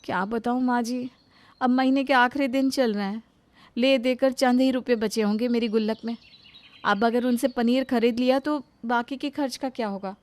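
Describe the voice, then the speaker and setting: A woman's voice: on the high side, steady tone, moderate pace, darkish tone, no echo, natural voice. A woman as a worried young housewife. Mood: fretful.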